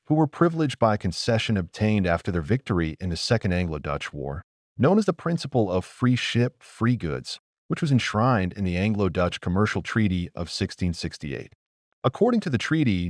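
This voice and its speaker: A man giving scripted history narration as a documentary narrator, with steady storytelling delivery. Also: fairly low pitch, no room sound, clean studio sound.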